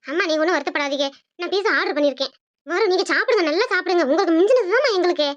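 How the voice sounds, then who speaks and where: Voice artist doing a dutiful cartoon son, soothing, coaxing, high voice pushed lower, dull audio. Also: lively intonation, very fast, a bit bright. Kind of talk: Tamil cartoon dubbing.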